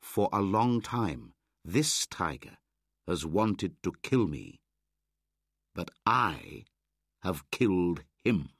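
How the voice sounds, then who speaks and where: A man voicing a bold young jungle boy who calls out in high, ringing shouts for an audiobook. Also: very animated, slow, long pauses, husky, dry recording, studio quality, exaggerated voice. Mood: firm. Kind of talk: audiobook character voice.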